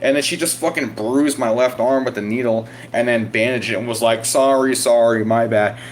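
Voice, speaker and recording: A young man telling a long, profane story in casual vlog style, with lots of restarts, and loudly acting out his own screams. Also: mid-range voice, fairly even intonation, a little fast, slight background noise. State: recovering from illness. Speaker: vlogger.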